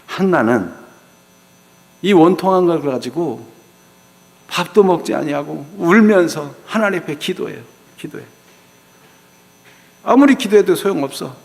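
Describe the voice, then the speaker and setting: A man's voice: a little high, lively intonation, unhurried, gravelly, pauses often, a little mellow. A male pastor preaching a dramatic sermon, acting out pleading voices of biblical figures. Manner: dramatic, acts out biblical figures' pleas in rising cries. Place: church sanctuary. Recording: hall reverb with mains hum.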